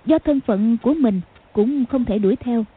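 A woman narrating a martial arts novel as an audiobook, with a steady, measured reading. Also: a little high, slightly rough. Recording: phone-like lo-fi sound.

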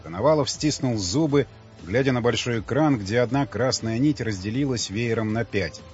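A man narrating an audiobook in a dramatic, lowered voice. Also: normal speed, a little mellow. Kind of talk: scripted narration. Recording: slightly dull audiobook audio, faint music.

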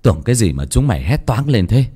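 A man's voice: very animated, fast, dark tone, slightly rough. Man doing scoffing old river villagers. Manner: low, scoffing, matter-of-fact. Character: weathered older riverside village men, dismissive.

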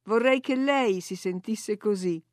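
A woman's voice: mid-range voice, unhurried, dry recording, clean studio sound, close to an everyday voice. A woman voicing a sickly, petulant teenage boy in an audiobook reading, whiny and taunting. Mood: plaintive. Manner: whiny and taunting, sing-song jeering.

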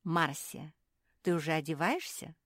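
A woman's voice: deep voice, unhurried, no room sound, clean studio sound. A woman voicing a bossy, grumbling older sister dog who scolds in a fussing way.

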